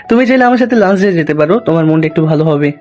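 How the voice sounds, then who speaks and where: A woman's voice: low-pitched, expressive, fast, darkish tone, faint music behind, pitched below the performer's own voice. A woman voicing a smug, flirtatious male office colleague who teases and sneers. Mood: sneering. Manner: teasing, sneering, mocking. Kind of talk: audio drama acting.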